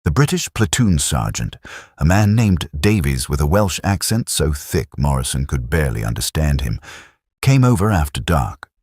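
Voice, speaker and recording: Very deep husky male storyteller. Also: moderate pace, dry recording, studio quality. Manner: steady storytelling. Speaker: narrator. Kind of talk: scripted story narration.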